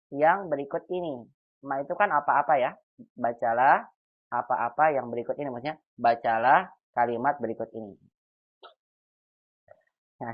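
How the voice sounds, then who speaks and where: A male teacher giving an online Arabic grammar lesson. He is patient and drills each phrase with a rising, emphatic tone. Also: mid-range voice. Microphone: video call. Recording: tinny phone-like call audio.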